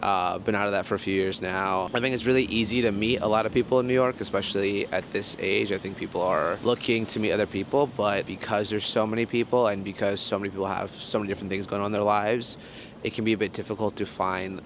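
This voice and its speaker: A man in his twenties answering a street interview outdoors, thoughtful and measured. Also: fairly low pitch, fairly even intonation. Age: 20s. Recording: clear street noise behind.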